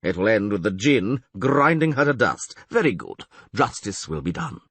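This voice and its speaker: A man's voice: fairly low pitch, sing-song, normal speed, fairly bright tone, slightly rough, no echo, full character voice. A man voicing a smug, lecturing bald male priest in a fantasy audiobook. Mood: gloating. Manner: lecturing, know-it-all.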